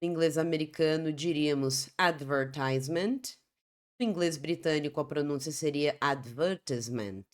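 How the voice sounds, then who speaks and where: Uma mulher, professora de inglês com sotaque brasileiro, dando uma aula explicativa em português e repetindo palavras de exemplo devagar. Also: female voice, deep voice, little pitch movement, a little mellow. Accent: Brazilian Portuguese. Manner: explanatory, repeats example words slowly. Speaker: English teacher. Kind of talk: Portuguese-language English lesson.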